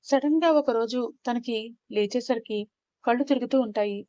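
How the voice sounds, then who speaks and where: A woman telling a dramatic story in a steady, expressive storytelling voice. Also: on the high side, moderate pace, no room sound. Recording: slightly dull, muffled recording.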